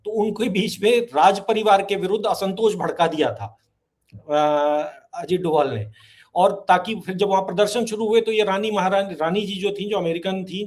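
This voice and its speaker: A man with a fairly high voice holds forth as a political commentator. He talks emphatically, circles back on his points and fills pauses with hesitations as he argues. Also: darkish tone. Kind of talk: talk show discussion.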